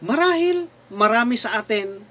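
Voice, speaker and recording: A man's voice: very high-pitched, lively intonation, normal speed, pushed and bright. A man preaching a sermon as pastor, with a Filipino accent. He reads scripture aloud and speaks straight to the congregation as sir, ma'am, ate and kuya.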